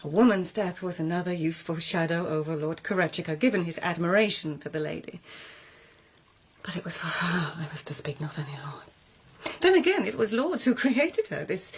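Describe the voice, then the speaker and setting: In a radio drama, an actress plays an intelligent, outspoken court lady, using deliberate, rhetorical phrasing and pointed irony in a bitterly ironic mood. Her voice is on the low side and expressive, with a breathy edge.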